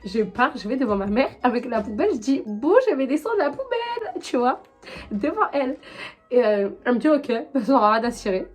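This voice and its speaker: A young woman telling a personal story to her viewers in a chatty, animated way, full of slang and fillers, with a high voice. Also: brisk, faint music behind. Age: young adult. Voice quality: high-pitched. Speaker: vlogger. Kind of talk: casual storytelling to camera.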